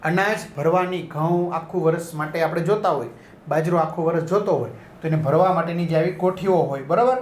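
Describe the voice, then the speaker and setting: A man's voice: fairly high pitch, brisk, slight background noise. A male teacher explaining a school lesson, repeating and rephrasing each line and checking in with his students. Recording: echoey room.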